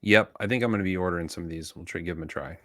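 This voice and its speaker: A man with a lowish voice co-hosts a casual knife talk show. He rambles easily, full of ums and uhs. The sound is dry and close, with no room echo. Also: very fast, fairly bright tone. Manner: rambling, easygoing, many fillers. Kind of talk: casual chat.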